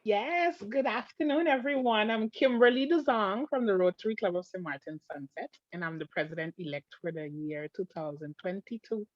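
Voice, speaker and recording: A woman's voice: medium pitch, expressive, moderate pace, hardly any pauses, dry recording. Upbeat woman greeting over a muffled call. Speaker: visiting club president-elect. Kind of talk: brief greeting. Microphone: video call. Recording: dull, muffled call audio.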